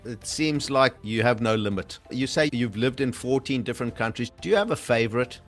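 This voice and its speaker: A man's voice: mid-range voice, lively intonation, a little fast, faint music behind. A man hosting a travel interview, asking questions in a friendly, chatty way. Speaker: podcast host.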